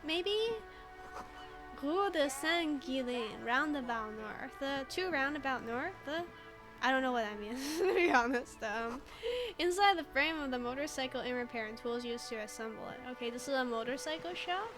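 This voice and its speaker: A woman's voice: high voice, expressive, normal speed, music in the background. A woman streaming a detective game, chatting playfully and laughing often. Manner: playful, giggly, reads game text aloud. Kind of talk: casual let's play commentary.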